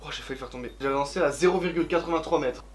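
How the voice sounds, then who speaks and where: A young man chatting casually and jokingly as he tests phone apps for his channel. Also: on the high side. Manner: joking, chatty, switches between quick and drawn-out talk. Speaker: YouTuber testing apps. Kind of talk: casual vlog chat.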